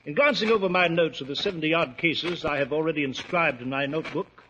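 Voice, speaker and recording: High-voiced, genteel Doctor Watson, old radio. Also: male voice, sharp tone, a little hiss or hum. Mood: genial, storytelling. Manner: courteous, formal, measured storyteller. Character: genteel English doctor reminiscing over old detective adventures. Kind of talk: 1940s radio acting, storytelling. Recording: muffled 1940s radio recording.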